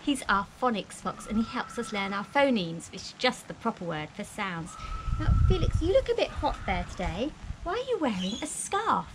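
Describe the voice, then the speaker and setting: A woman's voice: fairly high pitch, big pitch swings, moderate pace. A woman in her thirties presenting a children's lesson outdoors in a broad, singsong kids' presenter manner. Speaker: children's phonics teacher and presenter. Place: outdoors in a home backyard. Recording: faint outdoor background noise.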